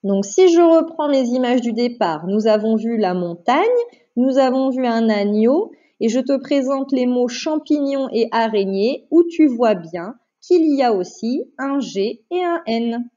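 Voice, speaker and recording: Brief: woman teacher, fairly high mellow voice, patient dictation, muffled lo-fi sound. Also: lively intonation, unhurried. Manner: patient, clear, repeats and stresses syllables for dictation. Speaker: primary school teacher. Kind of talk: remote phonics lesson to a child. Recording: dull lo-fi home recording.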